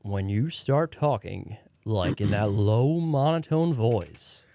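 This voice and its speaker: A young man guesting on a college radio show, chatting casually with animated storytelling and frequent laughter, in a radio studio on a studio microphone. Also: fairly low pitch, takes it slowly, dry recording. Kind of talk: casual on-air chat.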